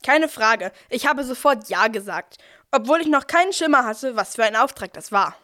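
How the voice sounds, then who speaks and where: A woman's voice: a little high, animated, moderate pace, bright, forceful tone, soft background music. A woman playing an archangel, God's eager, self-assured messenger, explaining things directly to listeners in a scripted nativity audio play. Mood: welcoming, eager.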